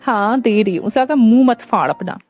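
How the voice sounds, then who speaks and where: Spiteful village aunt, taunting, a bit high, played by a woman. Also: expressive, fairly quick, darkish tone, faint music behind. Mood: scolding. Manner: scolding, taunting.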